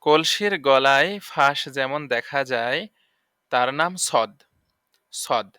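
A man teaching Arabic letters for Quran reading in a recorded lesson, drilling syllables slowly and repeatedly. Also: medium pitch, bright, forceful tone, smooth, dry recording, clean studio sound. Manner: slow, repetitive drilling of syllables.

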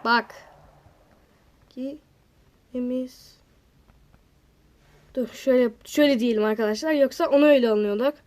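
A woman hosting a gaming channel, giving casual, excitable gameplay commentary, talking straight to her viewers and exclaiming at other players. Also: high voice, moderate pace, long pauses.

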